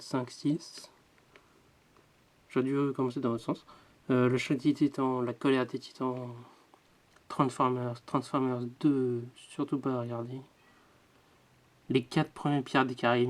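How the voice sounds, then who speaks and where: Flat-voiced man listing off his DVDs. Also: medium pitch. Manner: rattles off titles with quick offhand asides. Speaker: vlogger showing his DVD collection. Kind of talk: casual running commentary.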